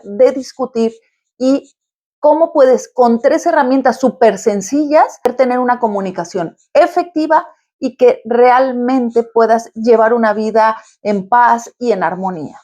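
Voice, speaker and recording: A woman's voice: a little high, darkish tone. A woman therapist speaking straight to her viewers in an advice video, explaining step by step in an encouraging way. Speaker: quantum therapist.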